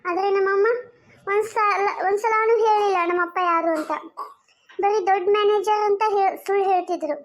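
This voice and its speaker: A performer voicing a tearful, soft-hearted young village woman in a comedy skit. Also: very high-pitched, steady tone, normal speed. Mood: upset.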